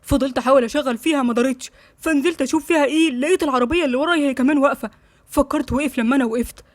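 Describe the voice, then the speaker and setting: A woman's voice: high-pitched, no room sound, natural voice. Scared henchman voiced by a woman, Egyptian accent, begging and swearing oaths, dry close mic. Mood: pleading. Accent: Egyptian Arabic. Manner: pleading, swearing oaths, rapid. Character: frightened male henchman pleading with his boss.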